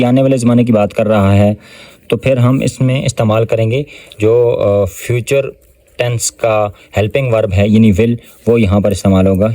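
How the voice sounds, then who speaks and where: Man, Pakistani Urdu accent, English test-prep tutor, mellow dry voice, slow deliberate readings, pauses often. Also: mid-range voice, dry recording. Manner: explains step by step with frequent fillers. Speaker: English teacher. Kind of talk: test-prep lesson explaining answers.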